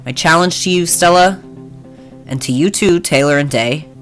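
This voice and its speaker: Pompous teen boy playing knight in a game, grand archaic proclamations, pitched up and loud, as a man puts him on. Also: normal speed, soft background music, close to an everyday voice. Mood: grandiose.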